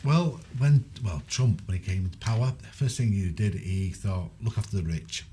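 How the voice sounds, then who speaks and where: A man's voice: lowish voice, animated, moderate pace, dark tone, a little hiss or hum. A man with a Mancunian accent co-hosting a political podcast, talking in an earnest, rambling way. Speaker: podcast co-host. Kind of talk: political opinion chat.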